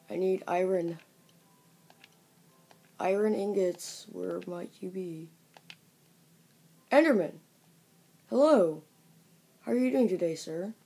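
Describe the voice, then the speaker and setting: A woman narrates her own game in a slow, unhurried way. Her voice is low, husky and dark. She jokes with her viewers and bursts out loudly when things go wrong in the game. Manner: chatty and jokey, talking to viewers; excitable outbursts during play. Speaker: gaming video creator. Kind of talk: let's play game commentary. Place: at home.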